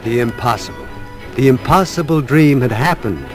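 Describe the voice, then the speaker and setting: Guy narrating a kids' story, lively up-and-down voice, music playing behind. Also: mid-range voice. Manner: measured, storytelling. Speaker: narrator and teacher.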